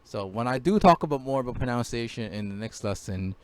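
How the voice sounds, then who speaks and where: Male online tutor, casual screen-share lesson, stop-start delivery with lots of fillers, mid-pitched. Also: animated, brisk, clean tone. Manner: hesitant, many fillers and restarts. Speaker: language teacher.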